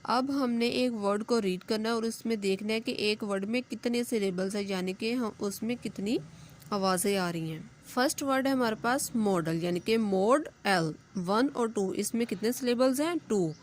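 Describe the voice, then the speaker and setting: A woman, a school English teacher giving a recorded lesson, patiently explaining step by step and reading English examples slowly. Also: fairly high pitch. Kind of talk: recorded class lesson explaining grammar and homework.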